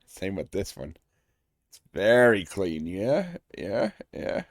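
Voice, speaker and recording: A male streamer greeting his viewers in a relaxed, unhurried drawl. His voice sits on the low side and he jokes around and swears freely. The sound is dry and close. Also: no echo. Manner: playful, joking, swears freely. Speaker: streamer host. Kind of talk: casual stream chat.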